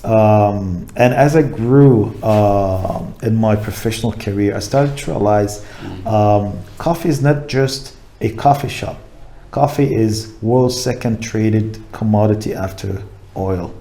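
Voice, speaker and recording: This middle-aged coffee importer from Jordan talks slowly in a dark voice that sits on the low side. He's an interview guest speaking casually and thoughtfully, with lots of fillers and easy laughter.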